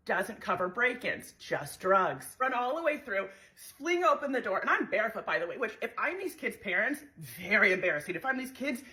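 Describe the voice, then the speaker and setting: Young woman with a bright sharp voice, dramatic story to phone cam, lots of asides. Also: mid-range voice. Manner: animated, dramatic, self-mocking, quick asides. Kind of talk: casual storytelling vlog to camera. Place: home, indoors.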